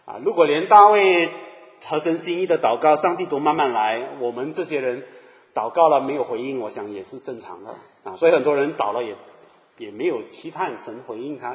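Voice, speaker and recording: Animated male preacher in a reverberant hall. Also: mid-range voice. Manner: animated, asks the listeners questions and acts out little quoted scenes. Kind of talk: sermon. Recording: long reverb of a large hall.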